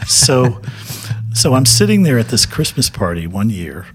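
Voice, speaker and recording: A man guest in an interview, telling a funny anecdote in a casual, animated way and laughing often. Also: mid-range voice, measured pace, breathy edge, soft background music.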